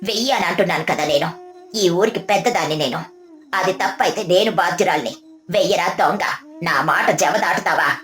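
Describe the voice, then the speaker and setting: A stern elderly matriarch of the village, as a woman storyteller puts her on, low and weighty. She gives orders slowly. Roomy echo, soft music. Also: lightly acted. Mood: commanding. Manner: stern, authoritative, slow. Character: old village matriarch with a stick, commanding. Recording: echoey, faint music behind.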